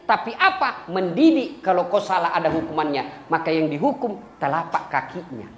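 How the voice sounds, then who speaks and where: A male preacher delivers a sermon full of jokes, his voice swinging widely up and down as he teases the congregation. The sound rings around a reverberant room with a faint hum of ambience underneath. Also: fairly high pitch. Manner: lively, joking, breaks into song. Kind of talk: humorous sermon. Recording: echoey hall with faint ambience.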